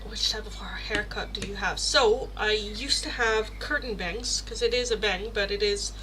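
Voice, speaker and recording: A woman's voice: medium pitch, normal speed, bright, forceful tone, slight background noise, rough recording. A woman in her thirties hosting a casual live stream, chatting with viewers and answering their questions. She jokes about herself, laughs often and swears casually. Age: 30s. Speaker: tarot livestream host.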